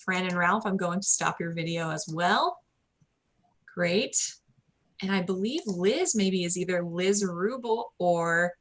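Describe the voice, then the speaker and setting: A woman's voice: on the low side, fairly bright tone. A woman hosting a video call, upbeat and welcoming as she greets arriving guests. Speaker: event host.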